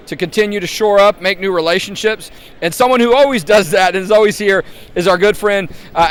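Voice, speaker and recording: A man's voice: sits high, a bit bright. A man hosting a casual live interview in a chatty, rambling manner. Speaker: host, advocacy group president. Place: convention floor.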